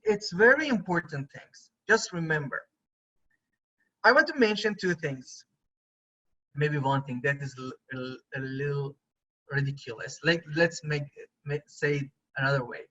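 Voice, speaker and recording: Male photography instructor, bright tone, conversational online lecture, muffled low-fidelity audio. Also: lively intonation, measured pace. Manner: conversational, often checks in with students. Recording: dull lo-fi recording.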